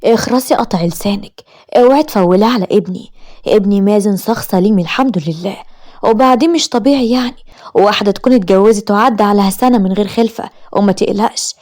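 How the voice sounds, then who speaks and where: A woman voices a harsh mother-in-law with an Egyptian accent in a storybook tale. She scolds hard and fast. Her voice is mellow and low in brightness. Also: natural voice. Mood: angry. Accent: Egyptian Arabic.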